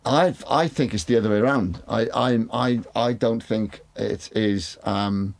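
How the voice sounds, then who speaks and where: Recorded on a studio condenser mic, a man with a big, gravelly, lowish voice reviews studio monitors at a measured pace. This mixing engineer chats casually to camera about the gear, rambling, repeating himself, and occasionally swearing.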